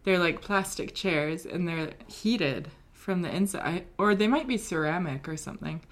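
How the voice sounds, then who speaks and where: A young British woman co-hosting a podcast tells a story in a casual, rambling manner, full of ums and likes. Her voice is fairly low and her pace moderate.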